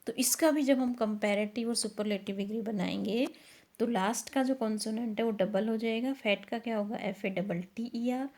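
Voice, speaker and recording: A woman teaches a grammar lesson step by step, posing questions and answering them herself while reading English sentences slowly. Her voice is a little high with a darkish tone.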